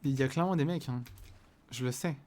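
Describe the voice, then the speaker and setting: A man streaming himself playing a video game, excitable and swinging from loud exclamations to muttering. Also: mid-range voice, fast talker. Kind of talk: live gameplay commentary.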